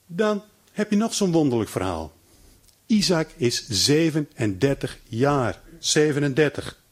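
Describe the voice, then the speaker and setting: A man delivers a sermon with a husky, slightly breathy voice that sits a little high for a man. He retells the story dramatically, slipping into the voices of the people in it and stumbling over repeated restarts. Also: very animated, unhurried. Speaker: preacher.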